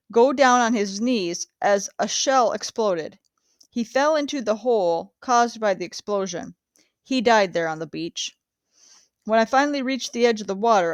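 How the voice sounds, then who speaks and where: A woman's voice: medium pitch, no room sound, studio quality, close to an everyday voice. A woman reading a soldier recalling battle. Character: male soldier recalling a beach landing.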